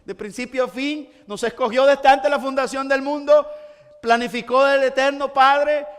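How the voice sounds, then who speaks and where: A man preaching a sermon as pastor, moving between hushed storytelling and rising emphatic passages. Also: extremely high pitch, steady tone, moderate pace, big-room sound. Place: church sanctuary.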